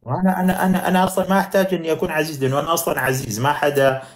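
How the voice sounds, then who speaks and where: A man with a slightly high voice talks fast and provocatively in a heated live-stream debate. He cuts in often and keeps urging the other speaker to calm down. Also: a loud crowd.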